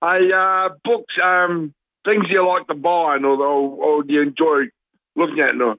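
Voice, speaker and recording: A man's voice: fairly high pitch, steady tone, moderate pace, no echo. An Australian man in his fifties calling a radio show through a bluetooth headset mic, chatting casually and rambling with hesitant ums and restarts. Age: 50s. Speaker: radio caller. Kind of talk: casual call-in chat. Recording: tinny dry phone line.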